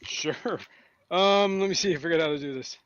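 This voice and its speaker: Male game master, casual and scattered, higher voice. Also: moderate pace, fairly bright tone, clean tone, no room sound, dull audio. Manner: loose, distracted, laughing it off. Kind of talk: running a tabletop game online.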